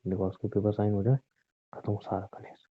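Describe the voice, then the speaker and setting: A man's voice: on the low side, flat delivery, a little fast, slightly rough, no room sound. A young man in a scripted comedic skit, playing an exasperated husband who grumbles and teases. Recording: tinny phone-call audio.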